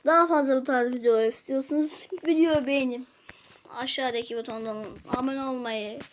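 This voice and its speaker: Chatty high-voiced woman narrating gameplay. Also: steady tone, normal speed. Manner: chatty, talks to viewers while playing, mutters to herself. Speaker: gaming youtuber. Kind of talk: casual gameplay commentary.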